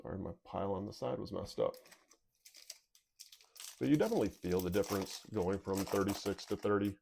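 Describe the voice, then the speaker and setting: A man's voice: sits low, a little fast, vocal fry, a little mellow, slight background noise. A man hosting a casual card pack opening video, talking in a rambling, candid way with sniffles and a whistling nose. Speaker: video host.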